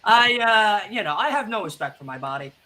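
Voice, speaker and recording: A man's voice: sits high, sing-song, quick pace, sharp tone. A man co-hosting a podcast, rambling casually with lots of fillers and restarts, self-deprecating. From Italian family background. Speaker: podcast co-host. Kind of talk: casual chat. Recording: streamed podcast with faint background noise.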